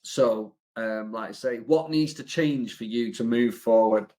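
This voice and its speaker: Man, English accent, business coach, casual motivational talk, blunt, sweary, lots of ums and restarts, medium pitch. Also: a little slow, warm tone. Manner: blunt, sweary, rambling with many fillers.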